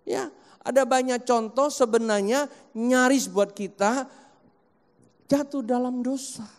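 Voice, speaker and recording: High-voiced male preacher in echoey church. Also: takes it slowly. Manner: addresses the congregation directly and acts out everyday quotes. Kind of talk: sermon. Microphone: handheld microphone.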